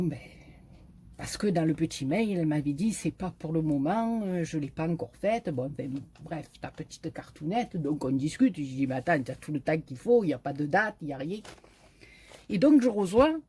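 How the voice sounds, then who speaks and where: A woman's voice: sits low, lively intonation, moderate pace, mellow, slightly rough. A middle-aged woman with a southern French accent chatting casually and rambling to her viewers. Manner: chatty, rambling, frequent fillers and laughs. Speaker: YouTube crafter. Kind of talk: casual chat to camera.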